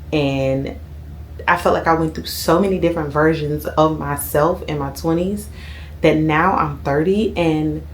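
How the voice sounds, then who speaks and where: A woman's voice: deep voice, a little hiss or hum. A thirty-year-old woman, chatting casually to her camera at home and tagging "okay?" onto her lines. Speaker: vlogger. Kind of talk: casual sit-down chat to camera.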